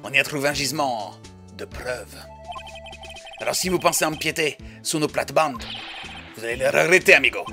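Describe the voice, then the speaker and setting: A man's voice: mid-range voice, normal speed, long pauses, lightly acted. A man voicing a swaggering cowboy detective with a put-on Spanish accent, reading a video game's lines. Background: game music.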